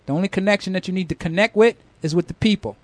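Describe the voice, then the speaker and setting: A man hosting a hip hop radio show, shouting out names in a sing-song flow and giving earnest advice to callers. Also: sits high, racing, dry recording. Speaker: radio host.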